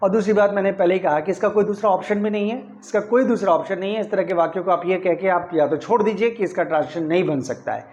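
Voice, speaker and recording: A man's voice: sits high, fast talker, few pauses, a little mellow, highs cut off. A man teaching English grammar in Hindi, explaining step by step and often checking that his students follow. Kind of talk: Hindi-language grammar lesson.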